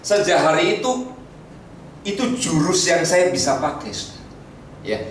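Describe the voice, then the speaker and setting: A middle-aged pastor from Tegal, telling stories in a chatty sermon and speaking to the congregation. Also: male voice, on the high side, moderate pace, recorded from a distance, a little hiss or hum. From Tegal, Central Java. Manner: storytelling, lively, chatty asides to the congregation. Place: church hall. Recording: echoey hall, mic from afar.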